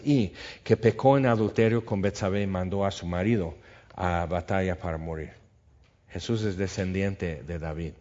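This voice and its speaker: A man's voice: lowish voice, a little mellow. A man preaching a sermon, animatedly acting out biblical dialogue. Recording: dull lo-fi sound.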